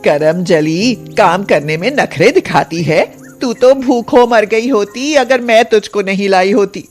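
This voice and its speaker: A woman's voice: mid-range voice, expressive, measured pace, a little mellow, faint music behind, lightly acted. A woman voicing a cruel middle-aged aunt in a cartoon, insulting and scolding in a harsh voice.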